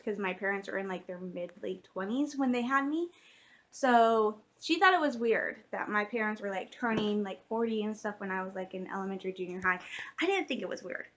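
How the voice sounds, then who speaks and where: Bright high-voiced chatty young woman. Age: late 20s. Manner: chatty, giggly, rambling with many fillers. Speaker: vlogger. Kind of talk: casual chat to camera. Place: her room at home.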